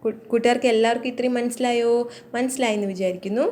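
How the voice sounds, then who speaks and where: A woman teaching young children, slowly repeating each word so they can learn it. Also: on the high side, fairly even intonation, a little mellow, a little hiss or hum. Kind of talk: children's vocabulary lesson.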